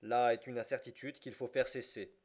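This is a resolute English gentleman, read by a man in an audiobook. He speaks in a measured, curt way and stays steady and cool. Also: mid-range voice, lightly acted. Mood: firm. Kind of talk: audiobook reading.

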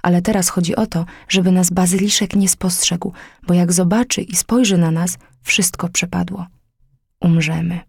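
A woman's voice: mid-range voice, flat delivery, a little slow, vocal fry, slightly rough, dry recording, clean studio sound. A woman doing a grave boy in whispered role-play. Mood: hushed. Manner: grave, hushed. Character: serious, protective young boy.

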